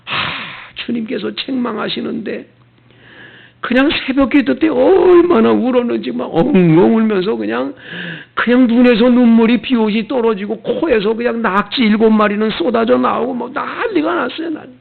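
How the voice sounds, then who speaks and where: A male pastor preaching a sermon, telling stories in an animated way and acting out the people in them. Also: very high-pitched, moderate pace, creaky. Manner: animated storytelling, acting out the characters. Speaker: senior pastor. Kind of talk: sermon with storytelling. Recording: tinny phone-like sound.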